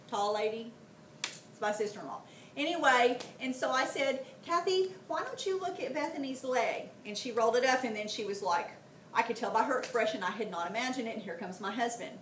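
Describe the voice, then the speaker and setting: A middle-aged woman, teaching a classroom history lesson and telling stories, often checking in with the students. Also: on the high side. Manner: animated storytelling, frequent "okay?" check-ins with students. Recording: roomy, from a distance, faint background noise.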